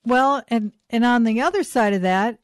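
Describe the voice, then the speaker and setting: A woman hosting a faith podcast, asking thoughtful questions in a halting, conversational way. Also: on the high side, dry recording, clean studio sound. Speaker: podcast host and interviewer. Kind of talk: conversational interview.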